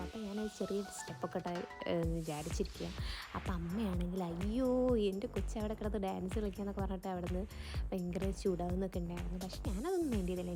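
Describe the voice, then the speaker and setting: A Malayali woman narrating a travel vlog casually, mixing English words into her Malayalam. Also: on the low side. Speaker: travel vlogger. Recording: music behind the voice. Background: music.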